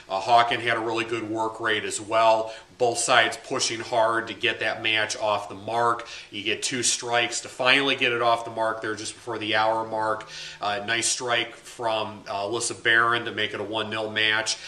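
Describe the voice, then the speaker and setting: A man in his thirties talks through a match analysis straight to camera, in a loose and conversational way. His voice has a very bright, sharp edge. It bounces around a small, echoey room. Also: fairly low pitch, flat delivery, moderate pace. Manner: conversational, uses fillers, gestures with hands. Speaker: high school sports beat writer. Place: small plain room indoors.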